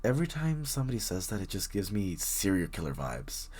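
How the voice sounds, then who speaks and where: A man voices a very shy, bookish young stranger in an intimate roleplay audio drama, heavily acted and husky, in a low, darkish, sing-song voice at a brisk clip. He stammers, rambles and apologises nervously to the listener, shy but warming up.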